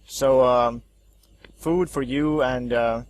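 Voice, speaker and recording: A man's voice: medium pitch, steady tone, takes it slowly. A man running a tabletop horror game, narrating casually and hesitantly, with many ums and likes. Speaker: game master.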